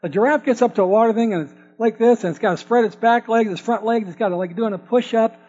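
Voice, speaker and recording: A man's voice: high-pitched, quick pace, darkish tone. A man preaching to an audience, telling a playful folksy farm story and joking with the crowd. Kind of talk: sermon with storytelling. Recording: dull audio with long hall reverb.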